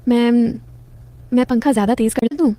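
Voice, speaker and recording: A woman voicing a shy, nervous young man who speaks in hesitant, hushed, stammering bits. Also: a little high, normal speed, no echo, close to an everyday voice.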